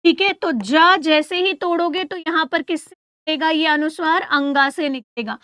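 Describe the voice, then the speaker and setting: A woman teacher giving an exam-prep grammar lesson. She asks questions and answers them herself, spells sounds out slowly for her students, and sets them homework. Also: high-pitched, a bit bright, no echo, clean studio sound. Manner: addresses students as "beta", gives homework.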